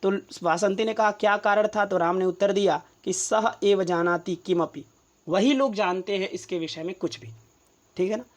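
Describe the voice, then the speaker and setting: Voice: mid-range voice, normal speed. A Sanskrit teacher giving a classroom-style lesson, reciting grammar rules and verse, then repeating and glossing each word patiently. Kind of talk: classroom-style text explanation.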